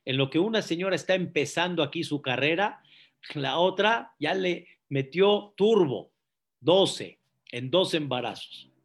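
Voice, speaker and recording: A rabbi preaching, telling stories and quizzing the audience with questions. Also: male voice, a little high, lively intonation, unhurried. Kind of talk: sermon.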